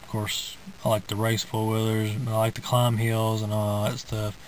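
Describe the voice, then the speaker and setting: A man's voice: fairly low pitch, completely flat delivery, moderate pace, slight background noise, rough recording. A young man vlogging from inside a parked car, rambling casually with lots of fillers and restarts, recorded on a camera held at arm's length. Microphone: phone or camera held at arm's length.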